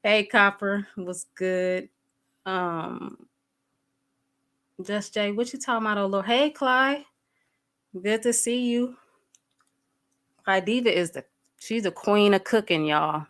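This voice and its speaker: Speaking slowly and pausing often, this woman in her thirties hosts a casual livestream in a fairly bright, medium-pitched voice. She greets viewers by name, talks right to her chat, and is blunt, heated, and profane, packed with fillers.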